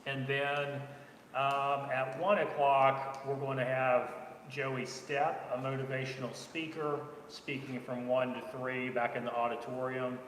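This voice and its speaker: A man's voice: medium pitch, little pitch movement, unhurried, fairly bright tone. Man reporting to a school board. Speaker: school superintendent. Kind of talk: reporting at a public board meeting. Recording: echoey room with long reverb, faint noise.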